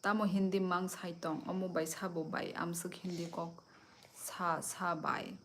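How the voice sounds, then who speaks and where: A woman's voice: on the low side, fairly even intonation, a little slow, a little hiss or hum. A young woman hosting a casual livestream, chatting with her viewers and answering their comments as she switches between languages. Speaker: livestream host.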